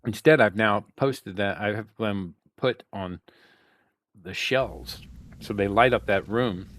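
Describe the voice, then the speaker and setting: His voice is fairly low and a bit bright, and he talks slowly. As co-host of a reselling podcast, he speaks into a headset in a rambling, profane, casual way, frequently starting his sentences over.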